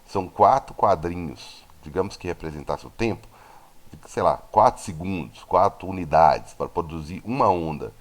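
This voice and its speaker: A Brazilian man with a very low voice teaches a physics lesson. He goes through each point step by step and stops often to check that his students are following. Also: animated, normal speed. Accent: Brazilian Portuguese. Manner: explanatory, many tag questions. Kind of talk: recorded classroom lesson.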